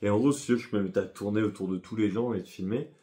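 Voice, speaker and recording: A young man chats through a personal story in a loose, rambling way. He talks in slang and keeps restarting his sentences. His voice sits a little low. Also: very fast, warm tone. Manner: rambling, slangy, with frequent fillers and self-corrections. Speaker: vlogger. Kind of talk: casual storytelling vlog.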